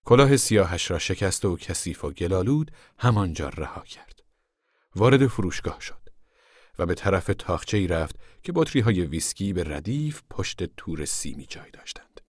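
Man, audiobook narration, deep low voice, dry close sound, steady and hushed. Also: breathy edge, no room sound. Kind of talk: scripted narration.

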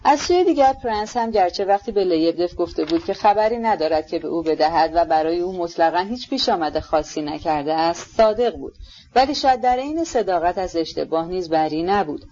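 A woman narrating a literary audiobook in a measured, even way. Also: lowish voice, muffled recording, slight background noise.

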